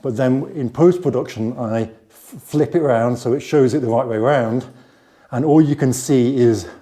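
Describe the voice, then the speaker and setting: A vlogger from the UK, speaking with a British accent, rambles casually as he walks a handheld camera around his indoor office studio, using many fillers and restarts. His voice is warm and medium-pitched at a moderate pace. The room is echoey on the camera mic.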